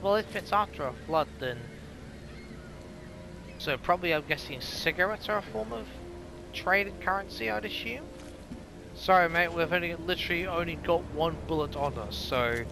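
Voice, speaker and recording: A man's voice: a little high, normal speed, creaky. A man giving casual, sarcastic let's play commentary on a video game, thinking aloud. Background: game music and sounds.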